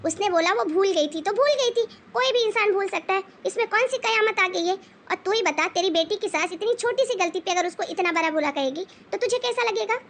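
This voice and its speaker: A woman voicing a stern, wise old grandmother-in-law who scolds and lectures firmly in an animated moral story. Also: very high-pitched, a little fast, hardly any pauses. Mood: lecturing. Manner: scolding, preachy and firm.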